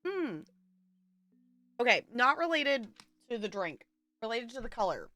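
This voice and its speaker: This livestream host has a high-leaning, very animated voice with a sharp tone, speaking at a measured pace in a dry recording. She chats casually with viewers and rambles as she thinks aloud, with soft background music.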